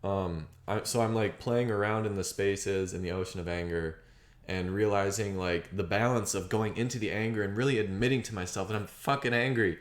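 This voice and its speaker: A man talking through his feelings in a rambling, halting, reflective monologue, clearing his throat often and swearing casually. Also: lowish voice, echoey room. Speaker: vlogger. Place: outdoors on a property.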